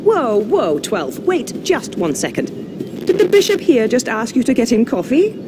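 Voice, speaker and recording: An actress playing a bossy, sharp-tongued female superior in a video game, with a commanding, brisk manner. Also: a little high, huge pitch swings, background noise. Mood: exasperated. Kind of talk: video game character acting.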